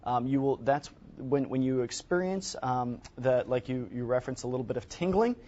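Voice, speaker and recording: A man's voice: mid-range voice, moderate pace, dark tone, slight background noise. A man in his thirties explaining a product emphatically as an expert guest on a home shopping show, repeating words for stress. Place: TV studio set, indoors. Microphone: lapel mic. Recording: slightly dull lo-fi broadcast audio.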